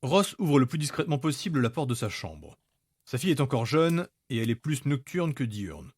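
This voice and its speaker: A man's voice: mid-range voice, sing-song, brisk, darkish tone, husky, no echo. A man reading scripted narration for a fantasy audio story.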